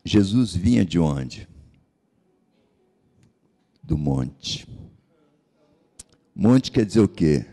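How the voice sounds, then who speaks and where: A man's voice: deep voice, animated, drawn-out words, long pauses, mellow. A man from Espírito Santo with a Capixaba Brazilian accent, preaching an impassioned sermon as pastor and asking the congregation rhetorical questions. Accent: Capixaba Brazilian Portuguese.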